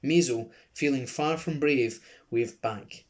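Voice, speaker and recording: A man with a Glasgow accent reading a children's book aloud, expressive, with chatty asides. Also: medium pitch, takes it slowly. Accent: Scottish (Glasgow).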